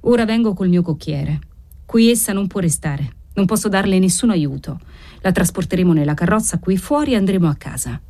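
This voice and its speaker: A woman reading an audiobook, voicing a male doctor who speaks low, brisk and decisive. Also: dark tone, lightly acted. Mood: low firm. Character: calm decisive male doctor, middle-aged.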